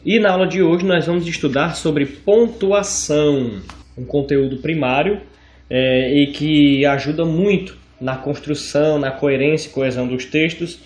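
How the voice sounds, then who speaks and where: Male teacher from Brazil, slightly high voice, patient audio-lesson delivery with drawn-out examples, roomy echo. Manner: explanatory, with fillers and slow stressed examples.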